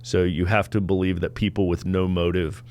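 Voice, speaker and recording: A man giving an informal, persuasive religious talk in an explanatory, emphatic way, pausing between short phrases. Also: deep voice, level tone, a little mellow.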